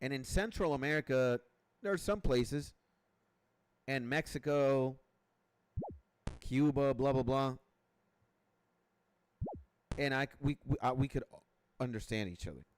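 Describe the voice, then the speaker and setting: A man's voice: medium pitch, unhurried, long pauses, noisy background. A young man from Venezuela with a Venezuelan accent, chatting loosely and rambling while he streams a game. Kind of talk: casual chat while gaming. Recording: game music playing behind. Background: clear background music.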